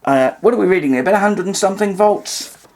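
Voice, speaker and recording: A man gives a casual, hands-on demonstration of testing vintage radios, rambling through his explanations with asides and alternative terms. His voice is high-pitched and darkish in tone, with lively intonation at a quick pace.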